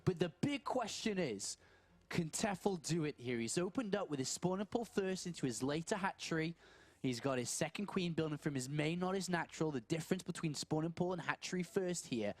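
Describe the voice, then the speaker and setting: A man casting a live strategy game match, thinking aloud in quick questions and answers. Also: fairly high pitch, animated, no echo. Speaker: esports caster.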